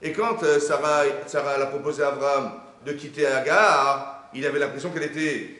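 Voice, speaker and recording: Animated man teaching in an echoey room. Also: fairly high pitch, moderate pace. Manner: animated, asks the audience questions, acts out quoted voices. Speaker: rabbi teaching a class. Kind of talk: lively sermon-style lesson. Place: synagogue hall. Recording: echoey room, faint ambience.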